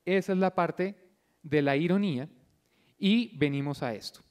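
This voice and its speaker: A man giving an explanatory lecture before a concert, often pausing to check his listeners follow him. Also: a little high, darkish tone. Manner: didactic, checks in often with a questioning "yes?"; thinks aloud with fillers and restarts. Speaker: lecturer at a pre-concert talk.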